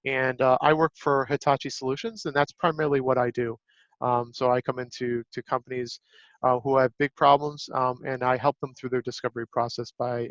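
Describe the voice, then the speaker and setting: A man's voice: medium pitch, fairly bright tone, dry recording. A man introducing himself as a design sprint facilitator on a video call, speaking steadily with fillers. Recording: dry, dull video call audio.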